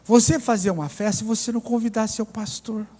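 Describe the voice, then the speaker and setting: A pastor with a Mineiro accent, telling a story in a sermon with ironic humor. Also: male voice, sits high, fairly even intonation, fairly quick, dark tone. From Minas Gerais, Brazil. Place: church. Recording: reverberant church hall.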